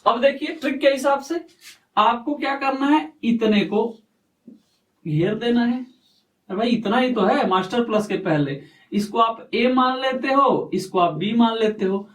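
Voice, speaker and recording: A man teaching a lesson, speaking slowly and repeating himself, often asking questions and answering them himself. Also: very high voice, a bit bright. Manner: slow, repetitive, quizzing himself aloud. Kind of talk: explaining a lesson at a board. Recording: echoey room, voice far from mic.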